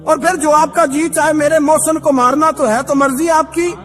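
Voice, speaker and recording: A male preacher voicing a tearful young princess who begs for her rescuer's life, pitching his voice up in a big echoing hall. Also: steady tone, close to an everyday voice. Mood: pleading. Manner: pleading, tearful. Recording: long reverb in a big hall, faint music.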